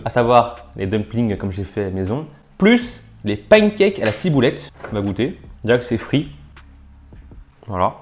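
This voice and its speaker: A man hosting a food video at home talks in a loose, chatty way, full of fillers, as he cooks and tastes dish after dish. His voice sits at a plain middle pitch, and he chews between short phrases. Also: darkish tone. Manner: chatty, filler-heavy, talks while tasting and eating. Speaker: food challenge video host. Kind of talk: casual food vlog commentary. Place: at home kitchen and dining table.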